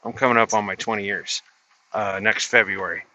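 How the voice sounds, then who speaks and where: Laid-back bright-voiced trucker. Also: male voice, fairly low pitch, steady tone, brisk, slight background noise. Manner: laid-back, profane, rambling with restarts. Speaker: truck driver vlogger. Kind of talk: casual storytelling to camera.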